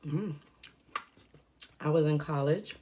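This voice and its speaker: Speaking slowly in a deep voice, a young adult woman eats a mukbang meal at home and chats casually. She's a relaxed mukbang vlogger who rambles, leans on fillers, and breathes heavily because of a cold.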